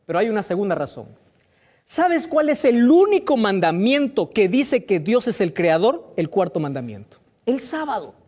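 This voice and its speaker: A male pastor preaching a sermon, emphatic and slow on stressed phrases, asking the listener rhetorical questions. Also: sits high, sing-song, darkish tone.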